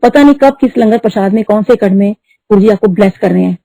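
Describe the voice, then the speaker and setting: A middle-aged woman telling a devotional story at a satsang, talking fast and mixing in English words. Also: medium pitch, vocal fry, dark tone, dry recording. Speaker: devotee sharing testimony. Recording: dull lo-fi dry recording.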